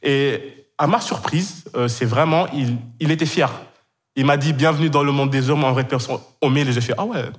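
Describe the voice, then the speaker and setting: A man's voice: medium pitch, normal speed. A man in his twenties, from Senegal and raised in Kenya, telling a personal story as a podcast guest. He talks hesitantly, with many fillers and repeated words, and laughs often. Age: 20s.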